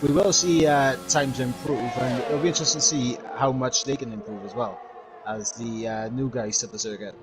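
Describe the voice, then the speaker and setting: A man co-commentating an online racing league, giving measured analysis with frequent hesitant pauses. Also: medium pitch, fairly even intonation, heavy background noise. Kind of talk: esports race analysis.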